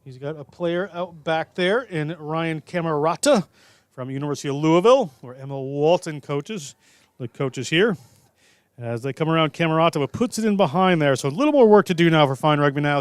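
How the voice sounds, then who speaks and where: A man calling live rugby play-by-play in a brisk, jokey way. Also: fairly high pitch, smooth, dry recording. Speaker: play-by-play commentator.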